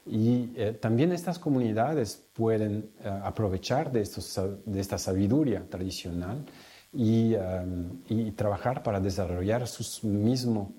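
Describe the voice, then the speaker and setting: A man from Italy, a researcher, explaining his work hesitantly, pausing often and searching for words. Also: fairly low pitch, mellow. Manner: hesitant, many fillers and restarts, searching for words. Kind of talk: explanatory talk.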